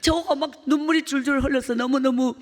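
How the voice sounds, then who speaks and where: In a church sanctuary with a long hall reverb, a woman evangelist delivers an emotional testimony sermon. Her voice sits high and steady and moves a little fast as she tells her story vividly, acting out the voices of the people in it.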